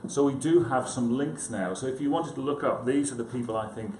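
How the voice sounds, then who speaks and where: This man, a psychiatrist speaking at a conference, has a mid-range, slightly mellow voice and talks a little fast. The talk is informal, hesitant and self-deprecating, with conversational asides to the room. The indoor space echoes, and background noise is clearly audible.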